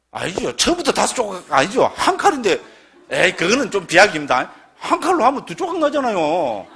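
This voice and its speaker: A middle-aged man teaches Buddhist scripture to a class. His somewhat high voice swoops up and down with lively emphasis. He keeps throwing questions at his listeners. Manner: lively, quizzes the audience with constant questions. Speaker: Buddhist lecturer.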